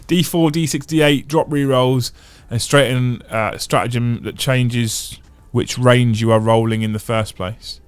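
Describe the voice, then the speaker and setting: An unhurried man with a mid-range, fairly even voice hosts a relaxed livestream, reading viewer comments and chatting with few pauses. The sound is clean with no echo, and he thinks aloud at length with restarts and repeated phrases.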